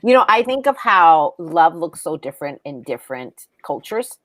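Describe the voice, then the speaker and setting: A woman in her fifties co-hosting a casual podcast chat as a therapist, talking in a relaxed, meandering way. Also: deep voice, normal speed. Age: 50s. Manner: relaxed, meandering, sleepy morning talk. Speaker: co-host therapist.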